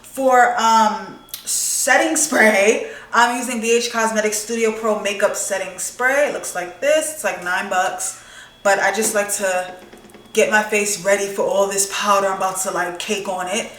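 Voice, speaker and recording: A young woman vlogger chatting casually while doing her makeup, expressive and swearing freely. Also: mid-range voice, unhurried, distant mic. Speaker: beauty vlogger. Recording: echoey room, voice a bit off-mic.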